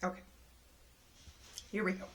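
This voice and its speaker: A woman casually telling a personal story, lively and exasperated, mimicking the people she quotes with big leaps in her voice. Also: unhurried. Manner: animated, acts out quoted people with jumps in pitch; exasperated retelling of a travel mishap.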